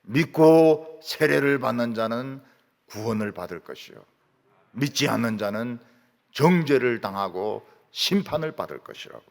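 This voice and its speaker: Lively, gravelly-voiced preaching pastor. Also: male voice, mid-range voice, normal speed. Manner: emphatic, rhetorical questions with "응?". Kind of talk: sermon. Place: church sanctuary. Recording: long reverb of a church hall.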